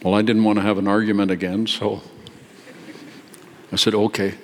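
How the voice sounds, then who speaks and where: Older man, guest preacher, low voice, stuffy sinuses, folksy confessional storytelling, long church reverb. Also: flat delivery, normal speed, slight background noise. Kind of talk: sermon storytelling. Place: church sanctuary.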